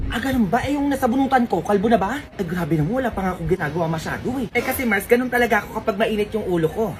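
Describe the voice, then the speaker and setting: A woman acting out comedy skits, chatty and gossipy, playing every role. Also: fairly high pitch. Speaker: comedy skit creator. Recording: music playing behind.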